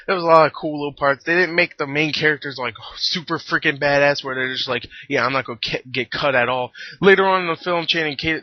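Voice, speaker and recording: Brief: male movie reviewer, a bit high voice, chatty and rambling, dull dry lo-fi sound. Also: no room sound. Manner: rambling, chuckling, many restarts. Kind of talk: casual spoken movie review.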